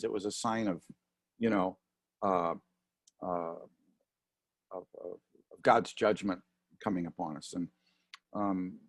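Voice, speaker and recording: A man's voice: fairly low pitch, dry recording, clean studio sound. A man leading an informal class discussion, talking hesitantly with many fillers and restarts. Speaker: course leader.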